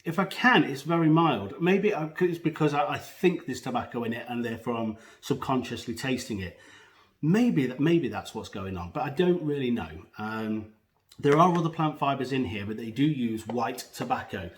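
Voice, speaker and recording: A man's voice: mid-range voice, animated, moderate pace. A man giving a casual, unscripted product review in a hesitant, rambling way, talking with a pouch tucked under his lip. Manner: hesitant, rambling, self-correcting. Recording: echoey room.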